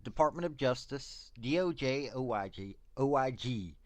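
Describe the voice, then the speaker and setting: A man talks through official reports in blunt, casual commentary, dropping sarcastic asides between the dry passages he reads. His voice sits at an ordinary middle pitch. It is close to the mic in a dry space with no room echo. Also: animated, normal speed. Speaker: commentator on prison investigations. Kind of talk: opinionated commentary reading reports aloud.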